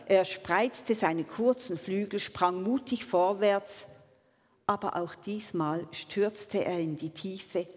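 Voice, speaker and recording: Calm woman preacher, unhurried and breathy, in a reverberant church. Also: fairly low pitch. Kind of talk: sermon with read-aloud story.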